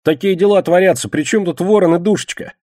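A man reading an audiobook voices an excitable, defensive young man in a high, nervous register. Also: a little fast, dry recording, clean studio sound, close to an everyday voice. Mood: indignant. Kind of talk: audiobook character voice.

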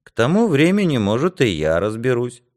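A man reading aloud, voicing a teenage boy who calmly and firmly insists on leaving. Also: mid-range voice, moderate pace. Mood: stubborn. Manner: firm and calm, set on leaving. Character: stubborn, quietly determined teenage boy.

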